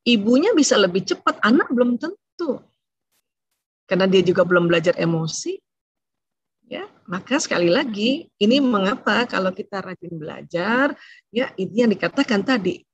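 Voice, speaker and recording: A woman giving a religious seminar talk on family and emotions, explaining in a conversational way and often tagging her phrases with a soft "ya". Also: medium pitch, slightly rough, dry recording, muffled recording. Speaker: Islamic lecturer on family and emotions.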